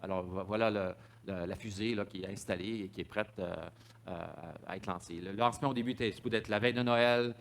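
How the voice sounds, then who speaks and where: A man's voice: on the low side, fairly even intonation, fast, a little hiss or hum. A man giving a public talk, stumbling over repeated words and fillers. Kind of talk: public lecture with slides.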